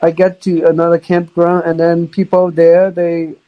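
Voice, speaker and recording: Halting young man. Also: fairly high pitch, monotone, dull audio. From China. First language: Chinese. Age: young adult. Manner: halting, repeats words, non-native grammar. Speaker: guest. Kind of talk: casual storytelling.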